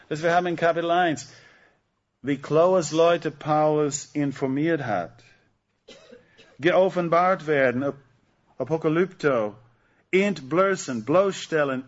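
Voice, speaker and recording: A man in a slightly higher register delivers a sermon at an unhurried pace. He stresses words deliberately and asks his listeners one rhetorical question after another. The recording is muffled and lo-fi. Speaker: preacher.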